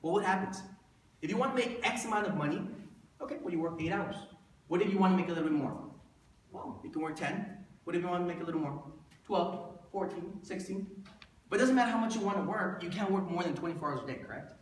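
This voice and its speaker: Talking fast in a high-pitched voice, this thirty-year-old pitches a business plan as a motivational presenter before an audience indoors. He keeps it conversational, throws rhetorical questions at listeners and repeats points for emphasis, while the far-off mic catches room echo and faint noise.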